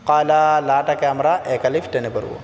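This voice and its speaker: A man with a Bengali accent teaching Quran recitation. He chants verses slowly and melodically, then explains pronunciation in quick spoken asides. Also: on the high side, steady tone, slight background noise. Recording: long hall reverb with faint music.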